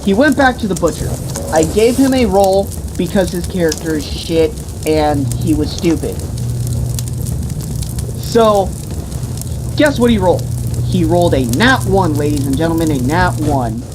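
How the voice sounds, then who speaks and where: A woman with a lowish voice, in no hurry, retells a tabletop game as game master with theatrical, mock-grandiose flair and crude comedy. The audio was captured in a noisy room with steady hiss in the background.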